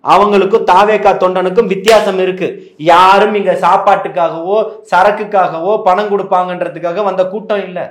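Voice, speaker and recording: A fiery male party spokesman fires back at an interviewer with rhetorical questions that swell into impassioned outbursts. His voice sits fairly high for a man, and it rings with echo from the setting. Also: fairly even intonation, a little fast. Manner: combative, rhetorical questions, rising to impassioned shouting. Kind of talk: heated political interview.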